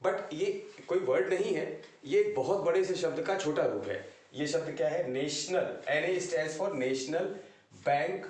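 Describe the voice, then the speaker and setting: A man teaching English grammar, explaining slowly and deliberately and switching between Hindi and English. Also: on the high side, a little mellow, reverberant. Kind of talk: grammar lesson.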